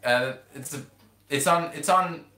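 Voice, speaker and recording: A man's voice: fairly high pitch, measured pace, bright, forceful tone. A young man hosting a casual live stream, rambling and hesitant, with lots of ums. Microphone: camera-mounted mic. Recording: roomy home recording with faint hiss.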